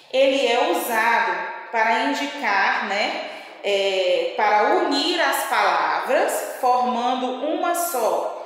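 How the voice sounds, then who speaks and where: A woman's voice: sits high, a bit bright. A woman teaching a primary school lesson to children, speaking patiently and affectionately and often checking in with the class. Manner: slow, patient, affectionate with frequent "tá?" check-ins. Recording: echoey room with long reverb.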